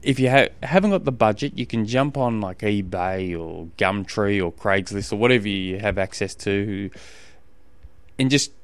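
A man's voice: lowish voice, clear, resonant tone, no echo. A man with an Australian accent hosting a podcast, giving casual coaching advice in an informal, rambling way and often rephrasing himself mid-sentence. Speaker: podcast host and endurance sports coach.

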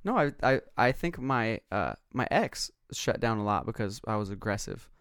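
A man's voice: lowish voice, expressive, normal speed, a bit bright, clean tone, no echo. A man in casual conversation, recorded dry and close with hardly any room sound. He speaks with intensity and conviction, assertive in his delivery and sprinkling "like" through his phrases.

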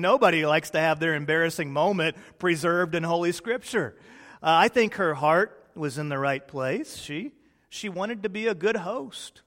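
Pastor preaching in a reverberant hall. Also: male voice, a little high. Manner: expressive preaching, swings from loud to hushed. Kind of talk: sermon.

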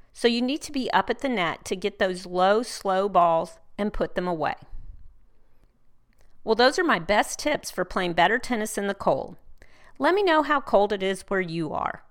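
Female instructional host, mid-pitched and bright, upbeat, orderly advice delivery from a script. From United States. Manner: upbeat, tidy, clearly organized advice-giving. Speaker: host of a tennis tips podcast.

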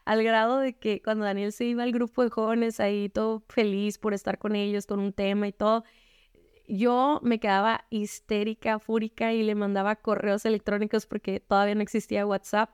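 A woman's voice: medium pitch, level tone, normal speed, clean tone, no room sound, studio quality. A woman giving a candid personal faith testimony to other women, conversational and frank. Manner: conversational, frequent rhetorical "¿no?". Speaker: speaker sharing a faith testimony.

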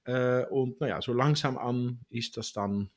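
Interview guest, man in his sixties, Dutch accent, halting and searching for words. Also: mid-range voice, darkish tone. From Netherlands. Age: 60s. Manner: halting, many fillers and restarts. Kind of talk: interview answers.

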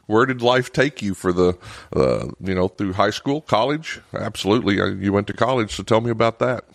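A man with a lowish voice hosts a podcast in an easygoing, conversational manner. His voice is recorded dry and close, with no room sound. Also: fairly quick, vocal fry, no echo. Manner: relaxed, conversational, reads guest bio aloud. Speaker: podcast host. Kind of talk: casual interview.

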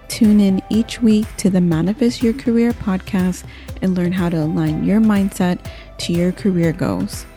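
A woman hosting a career podcast, with an encouraging scripted intro and then relaxed, supportive interview chat. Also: medium pitch. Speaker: podcast host and career coach.

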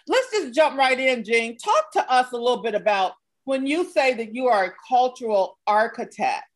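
A woman's voice: a little high, expressive, normal speed. A woman hosting a podcast who gives effusive introductions and interviews her guest. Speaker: podcast host.

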